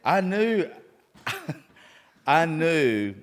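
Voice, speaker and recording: This man's voice sits a little high, swinging widely in pitch and moving extremely slowly. He's a hungover podcast host in his thirties, rambling through a casual, swear-filled chat and gushing along the way, in a room with noticeable reverb.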